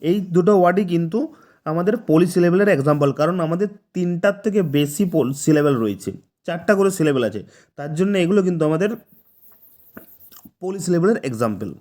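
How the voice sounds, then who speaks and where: A man gives a grammar lesson. He speaks patiently, repeats each example slowly and splits it into syllables. He often stops to ask whether the class has understood. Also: on the high side, lively intonation, darkish tone. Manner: patient, repeats words syllable by syllable, asks "ঠিক আছে?". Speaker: grammar teacher. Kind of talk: spoken lesson explaining examples.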